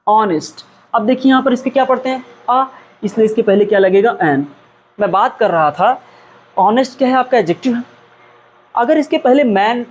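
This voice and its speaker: A man teaching a grammar lesson in a fairly high voice, steadily posing questions and answering them himself. He repeats key words to drive them home. A faint hiss sits under the recording. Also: a little mellow. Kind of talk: classroom-style grammar lesson.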